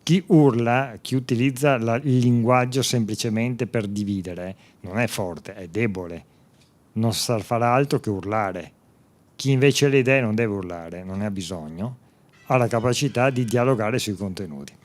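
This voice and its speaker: A man's voice: fairly low pitch, moderate pace. Earnest man presenting his book. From Venice area, Italy. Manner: earnest, emphatic, with rhetorical questions and restarts. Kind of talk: public talk at a book presentation.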